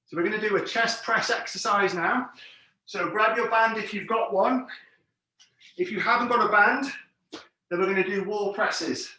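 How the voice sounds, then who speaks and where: A man's voice: high-pitched, moderate pace, sharp tone. A man instructing an exercise class, giving encouraging, plain step-by-step cues and counts. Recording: very echoey room, distant mic.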